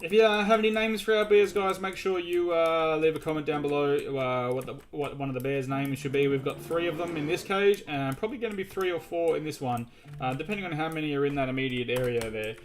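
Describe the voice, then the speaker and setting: A man's voice: a little high, fast talker, slight background noise. A man hosting a casual gaming video, narrating his building as he goes in a chatty, rambling way with many restarts. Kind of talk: casual gameplay commentary.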